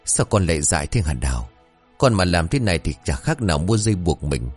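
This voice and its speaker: A man's voice: sits low, big pitch swings, fairly quick, slightly rough, soft background music, heavily acted. A man voicing a proud, harsh middle-aged mother who scolds in an exasperated way in a told ghost story. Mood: scolding.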